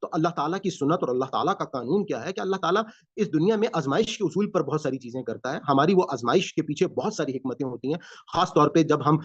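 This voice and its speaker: A man teaching a Quran class over a video call, explaining calmly with frequent pauses and fillers. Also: a little high, husky, dry recording. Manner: calm explaining with many fillers. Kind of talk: online class lecture. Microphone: video call mic. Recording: dull lo-fi video call audio.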